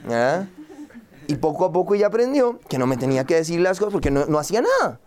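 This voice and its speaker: Talking fast in a slightly high, somewhat mellow voice, this young man from Costa Rica is very animated throughout. He's an entrepreneur and guest speaker at a live motivational seminar, speaking with a Costa Rican accent, posing rhetorical questions and voicing characters in the quotes he acts out.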